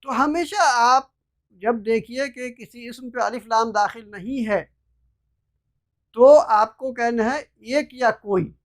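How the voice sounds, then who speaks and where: A man with a high voice teaches a grammar lesson over a video call. He speaks slowly and patiently. He says each letter and word more than once so his students can follow. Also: a bit bright. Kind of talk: online class lecture.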